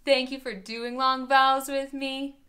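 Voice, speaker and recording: A woman teacher giving a children's phonics lesson, sounding out each word slowly and clearly for young learners. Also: high-pitched, little pitch movement, pushed and bright.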